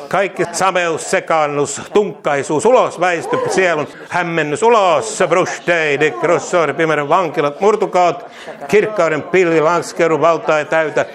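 A man leading a fervent charismatic prayer and blessing, chanting repeated syllables, speaking in tongues and laughing through his words. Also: on the high side. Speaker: prayer leader. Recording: crowd noise in the background.

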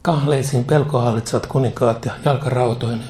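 A man's voice: mid-range voice, fairly even intonation, darkish tone, slight background noise. A man preaching a sermon, leading a spoken prayer that he repeats line by line, with fervent delivery and casual asides.

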